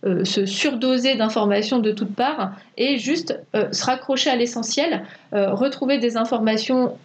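A woman's voice: a little high, normal speed. A woman podcast host in a casual live conversation, thoughtful and hesitant, often restarting her sentences. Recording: muffled lo-fi live stream audio.

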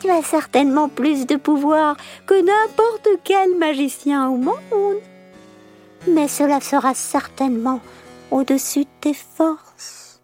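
A woman voicing a clever, bold female cat in an audio storybook, meowing between her slow, coaxing lines. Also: darkish tone, faint music behind. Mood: flattering. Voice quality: high, childlike, meowing. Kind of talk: storybook character acting.

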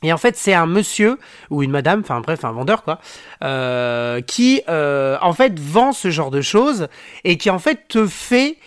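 Guy with a high voice rambling on a podcast, lots of ums, dry close sound. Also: sing-song, measured pace, smooth, no echo. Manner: rambling, many fillers and restarts. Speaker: podcast host. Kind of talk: casual podcast chat.

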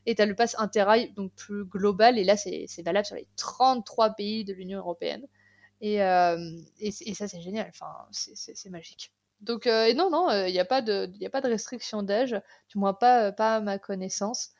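A woman's voice: medium pitch, moderate pace, vocal fry, a little mellow. Woman, young adult, casual podcast chat, enthusiastic, lots of restarts. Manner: enthusiastic, many fillers and restarts. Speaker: podcast guest.

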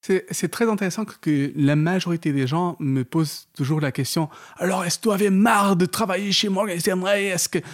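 The speaker is a man from Portugal, a native Portuguese speaker with a Portuguese accent, chatting casually as a podcast guest and startup founder in an informal interview. His voice sits high and moves fairly quickly with hardly any pauses, though he is hesitant, full of fillers and restarts, and laughs easily.

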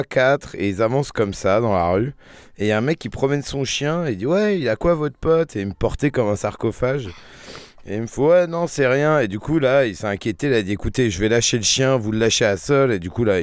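A man's voice: on the low side, a little mellow, clean tone, no echo, clean studio sound. A young man casually telling a long personal story in slangy speech, with fillers and restarts. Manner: slangy, rambling anecdote with filler words.

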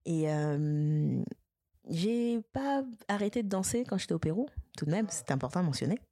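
A woman in her twenties from French Guiana, a podcast guest chatting casually, hesitant with many fillers and quick to laugh and tease. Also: fairly low pitch, animated, mellow. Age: 20s. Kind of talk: casual interview chat.

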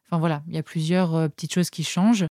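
Warm-voiced woman recounting hospital anecdotes. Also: low voice, fairly even intonation, no room sound, studio quality. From France. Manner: hesitant, many filler pauses. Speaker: nurse, interview guest. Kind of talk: casual anecdotal storytelling.

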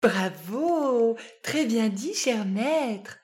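A woman voicing a polite, calm cat who loves yoga, in a children's storybook, with a cheery, bright manner. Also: sits high, takes it slowly, pitched above the performer's own voice, full character voice.

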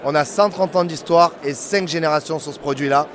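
A man with a Marseille accent, a brand ambassador giving a quick, assured product presentation at a tasting stand. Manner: fast, assured sales pitch. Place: indoor rum fair. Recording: loud crowd at a busy fair.

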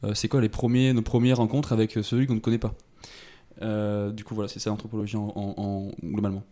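A man's voice: fairly low pitch, flat delivery, fast talker, dark tone. A young man co-hosting a casual podcast, explaining a topic with many hesitations and restarts. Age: young adult. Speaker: podcast co-host presenting a segment. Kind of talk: casual chat.

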